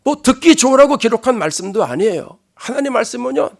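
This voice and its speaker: A male pastor giving a sermon in an emphatic, conversational style, alternating loud declarations with hushed asides. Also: very high-pitched, very animated, fast, vocal fry.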